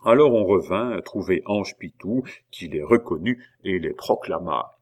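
A man reading a classic novel aloud as narrator, in a steady, measured storytelling manner. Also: deep voice. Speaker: audiobook narrator.

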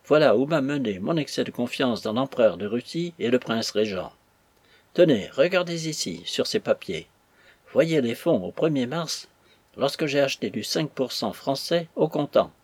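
A man voicing a ruined, furious old merchant in an audiobook, ranting bitterly with a husky voice. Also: medium pitch, animated, moderate pace, a little mellow, no echo. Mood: angry. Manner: ranting, bitter, raising his voice. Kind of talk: audiobook character voice.

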